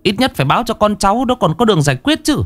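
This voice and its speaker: A man's voice: sits high, sing-song, rapid-fire, pitched above the performer's own voice. A man voicing a young man who questions a ghost insistently.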